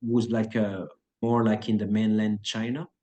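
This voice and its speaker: Through a muffled recording, a chill man in his 30s who is an action choreographer and actor speaks a little slowly in a lowish voice. He rambles through a casual interview chat, relaxed and full of "uh," "like," and restarts.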